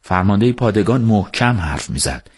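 A man narrating a book on the radio in a calm, measured storytelling manner. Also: fairly low pitch, husky. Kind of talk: scripted narration.

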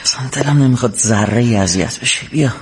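A man's voice: medium pitch, noisy background, close to an everyday voice. A man dubbing a caring young man who speaks to his partner in a soothing, reassuring way. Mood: gentle. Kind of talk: dubbed film acting.

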